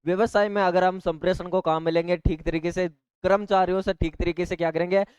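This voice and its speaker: A male teacher goes through exam points in a prep lecture, checking in with rhetorical questions and small asides. His high voice is smooth and clear yet darkish, delivered flat and quick. The recording is dry, slightly muffled, with no echo.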